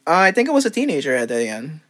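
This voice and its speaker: A man's voice: fairly high pitch, wildly swooping pitch, fairly bright tone. Rambling young man from Curaçao. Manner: rambling, halting, full of fillers and restarts. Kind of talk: casual chat.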